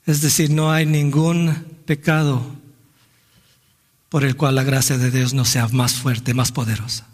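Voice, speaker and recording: A man delivers an earnest, reflective church sermon at a measured pace, his medium-pitched voice showing little pitch movement. He frequently restarts phrases and tosses in a rhetorical "¿no?", with long hall reverb behind him.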